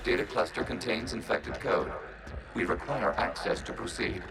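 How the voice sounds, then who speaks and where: A man voicing a calm, synthetic machine intelligence in a video game, speaking in an even, clipped, computer-like way. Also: low-pitched, moderate pace, gravelly. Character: calm, flat-voiced synthetic machine intelligence, a networked AI collective. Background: game music.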